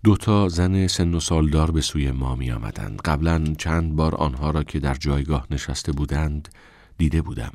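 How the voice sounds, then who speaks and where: A man narrating an audiobook in a measured, even storytelling manner. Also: very deep voice, no room sound.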